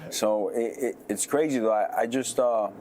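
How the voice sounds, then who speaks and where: A male fighter in his thirties, a guest in a casual interview, who talks in an animated way, repeats himself and often restarts his sentences. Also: medium pitch, normal speed. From United States.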